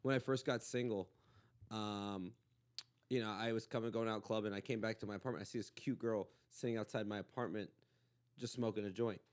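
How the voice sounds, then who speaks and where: A man from Los Angeles hosting a casual comedy podcast, telling a story with lots of restarts and animated jumps in his voice. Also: fairly low pitch, fairly quick. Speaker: host.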